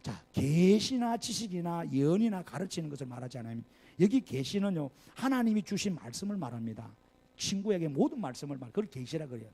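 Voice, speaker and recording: An older man preaches in a Gyeongsang accent, his voice gravelly and dark. He swings his pitch widely, tossing out chatty asides and rhetorical questions to the congregation. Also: big pitch swings, brisk. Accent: Gyeongsang Korean. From Gyeongsang region, Korea. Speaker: pastor. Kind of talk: sermon. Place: church sanctuary.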